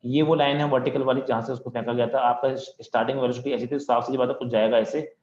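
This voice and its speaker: A man's voice: medium pitch, steady tone, quick pace, a little mellow, a little hiss or hum. A man teaching physics online from home, talking in a joking, chatty way with his students. His voice sounds dull and a little muffled, and it echoes around the room. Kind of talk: online class lecture.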